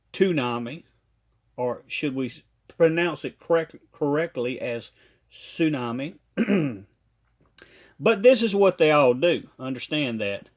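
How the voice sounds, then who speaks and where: A man from a ministry giving a critical commentary monologue, talking emphatically and deliberately and repeating his points. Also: on the high side.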